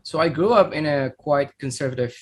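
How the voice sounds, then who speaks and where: A man in his thirties from Indonesia, a startup founder guesting on a podcast, tells his personal story in a voice that is a little high and a little fast. He talks reflectively in an Indonesian accent, scattering fillers and repeated words throughout.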